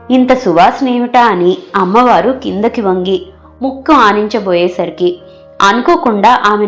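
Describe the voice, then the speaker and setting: A woman narrating a folk tale in a steady, measured storytelling voice. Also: medium pitch.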